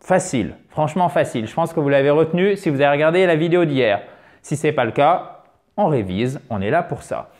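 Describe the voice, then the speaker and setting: Upbeat male English tutor for video lessons, chatty, slightly high voice, slows down to model words. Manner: lively, chatty, checks in with frequent "ok?". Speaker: English teacher. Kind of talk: online language lesson.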